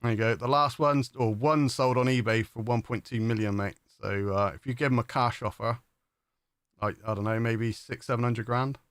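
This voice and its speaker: A man hosts a casual live stream, talking in an easygoing, matey way and breaking into laughter often. His voice sits at a middling pitch. The sound is dry and close, with no room echo. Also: steady tone, normal speed, fairly bright tone, clear, resonant tone. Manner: laughs often and peppers speech with "mate". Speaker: livestream host.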